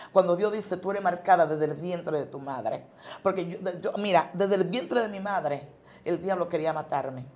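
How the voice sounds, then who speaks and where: A woman's voice: fairly low pitch, a little mellow. A woman pastor from the tells a personal religious testimony, an emotional storyteller who repeats and restarts words.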